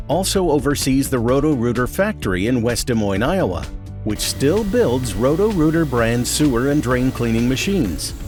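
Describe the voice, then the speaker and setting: A man's voice: mid-range voice, darkish tone. American guy doing scripted company training narration, really varied intonation, music under it. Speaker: corporate narrator.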